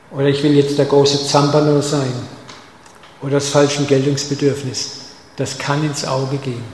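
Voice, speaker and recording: A man delivers a sermon in a somewhat high voice, addressing his listeners head-on with pointed rhetorical questions. He swings from hushed, intimate lines to loud, stressed ones. The sound carries a long hall reverb over a faint background hum. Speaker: preacher.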